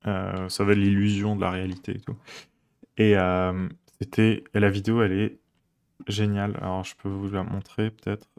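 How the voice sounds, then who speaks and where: A man chatting casually with his viewers while he codes on a live stream, rambling with many fillers and quick chuckles. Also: on the low side, level tone, creaky, a little mellow, clear, resonant tone.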